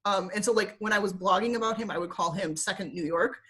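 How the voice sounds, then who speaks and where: A young woman with a Michigan accent chats casually as an interview guest on a video call, her mid-range voice a bit bright. She talks fast, fills her speech with fillers, and laughs often.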